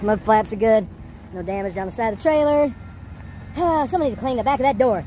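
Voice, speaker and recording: Chatty trucker man, high voice. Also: fast talker, warm tone, low-quality recording. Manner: chatty, talks to himself while inspecting. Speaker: truck driver vlogger. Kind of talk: casual vlog commentary. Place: outdoors at a truck yard, then inside a truck cab. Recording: outdoor vehicle noise behind.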